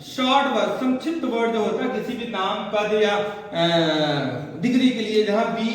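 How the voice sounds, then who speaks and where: A male teacher with a very high voice leads a grammar lesson, putting questions to the class and answering them himself. He sounds far from the microphone, with heavy echo in a big hall. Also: steady tone, a little fast. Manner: asks and answers his own questions. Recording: echoey hall, voice far from mic.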